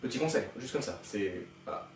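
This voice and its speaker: A man's voice: mid-range voice, lively intonation, a little hiss or hum. A young man mocks another creator's video in teasing, sarcastic commentary. He sits a little away from the mic, so his voice carries a noticeable room echo. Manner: sarcastic, teasing, quick asides. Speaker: reaction youtuber. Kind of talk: mocking reaction commentary. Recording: echoey room, distant from the mic.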